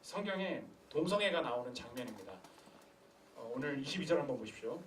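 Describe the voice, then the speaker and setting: A young man preaching a sermon in a church, telling the story in a lively way, with rhetorical questions and acted-out quotes. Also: medium pitch, fast, slight background noise. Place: church sanctuary. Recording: echoey room from a distance.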